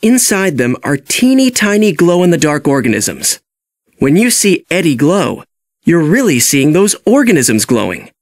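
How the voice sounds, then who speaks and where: Man as Mister Ray, animated encouraging fish teacher. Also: fairly high pitch, moderate pace, no echo, studio quality. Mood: explaining. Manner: instructive, encouraging. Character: cheerful, encouraging adult male stingray schoolteacher.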